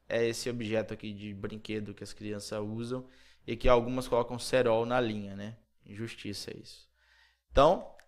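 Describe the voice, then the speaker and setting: A man with a Brazilian Portuguese accent from Mato Grosso, teaching an English lesson and repeating words to drill them. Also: fairly low pitch.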